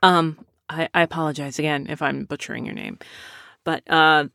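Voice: mid-range voice, animated, moderate pace, vocal fry, pushed and bright, no room sound, clean studio sound. A podcast host in their late thirties, chatting casually and answering listener questions in a self-deprecating, rambling way. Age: 30s. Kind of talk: casual chat.

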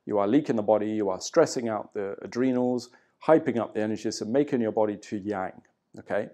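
A man's voice: on the low side, quick pace, warm tone. A man giving a casual, conversational qigong lesson from a hotel room, talking loosely with plenty of "you know". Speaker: qigong teacher. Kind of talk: casual spoken teaching.

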